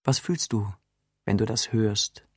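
A man reading the part of a female police detective who asks quiet, probing questions, in an audiobook. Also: fairly low pitch, slow, dry recording, clean studio sound, voice pushed down. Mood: cool probing.

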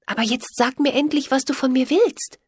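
A woman doing a high, defiant young princess. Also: moderate pace, a little mellow, slightly rough, no echo, clean studio sound. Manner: suspicious, defiant. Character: stubborn clever young princess girl.

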